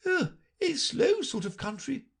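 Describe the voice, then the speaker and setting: A man voicing a brisk, imperious queen chess piece who cries out orders in a shrill, commanding way. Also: sing-song, creaky, a bit bright, full character voice.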